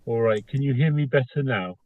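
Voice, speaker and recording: A man's voice: medium pitch, brisk, phone-quality sound. A man calling in from his car over a video call, his audio choppy and breaking up, giving a thoughtful, appreciative comment. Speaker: festival audience member commenting. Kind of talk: casual spoken comment.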